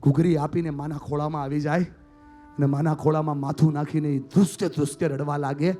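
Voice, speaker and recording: A man's voice: on the high side, flat delivery, a little fast, warm tone, faint music behind. A man giving an impassioned live motivational speech at a school event, often addressing the audience directly and acting out story characters. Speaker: motivational speaker.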